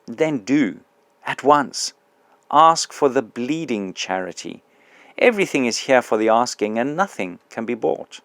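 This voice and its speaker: Male reader doing bright spirit: soft, calm, kindly, mid-pitched, dry close sound. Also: unhurried, no echo. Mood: serene. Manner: soft, calm, patient and reassuring. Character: serene radiant male spirit, gentle and joyful. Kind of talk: audiobook reading.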